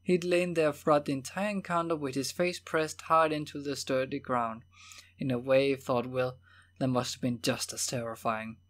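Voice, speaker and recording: A man narrating a novel as an audiobook in a steady, measured reading voice. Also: medium pitch. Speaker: audiobook reader.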